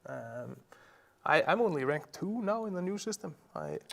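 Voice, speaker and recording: A man's voice: a little high, sing-song, normal speed, gravelly, fairly bright tone. A young man from Iceland hosting a casual live-stream Q&A, rambling with lots of fillers and restarts. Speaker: host.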